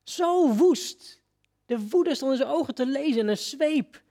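High-voiced man preaching a vivid sermon. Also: brisk, warm tone. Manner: vivid storytelling, addressing listeners directly.

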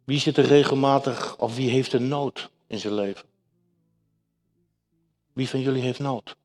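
A man's voice: medium pitch, steady tone, unhurried, a little mellow. A man preaching a sermon to his congregation, emphatic and repetitive, speaking to them directly. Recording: echoey hall with long reverb.

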